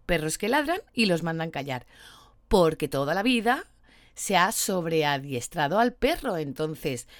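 A woman's voice: deep voice, big pitch swings, unhurried, dry recording, studio quality. A woman with a Spain Spanish accent, a dog trainer explaining her views to followers in an empathetic, persuasive way.

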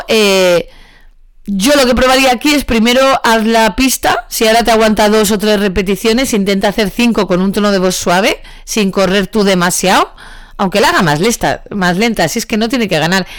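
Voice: mid-range voice, no room sound, clean studio sound. A dog trainer with a Spain Spanish accent giving casual spoken advice to a student, chatty and thinking aloud, often correcting itself.

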